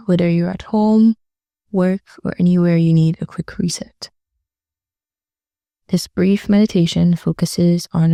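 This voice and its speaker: A woman with a very dark, mellow, slightly low voice that often drops into creak gently guides a soothing meditation. Her phrases are unhurried, broken by long pauses, and the sound is dry and close with no room sound.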